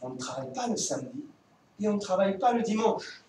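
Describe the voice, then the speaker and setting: A man's voice: high voice, very animated, fast talker, mellow, heavy reverb, far from the mic, a little hiss or hum, poor audio. A man teaching a remote lesson to young children, with a French accent, talking in a patient, sing-song way. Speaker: kindergarten teacher.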